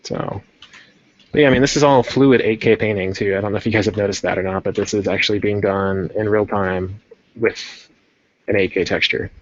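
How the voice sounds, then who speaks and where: A man's voice: lowish voice, fairly even intonation, a little fast. A man hosting a casual livestream, chatting in a rambling way while he paints a model. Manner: rambling, chatty, self-interrupting. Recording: dull lo-fi stream audio.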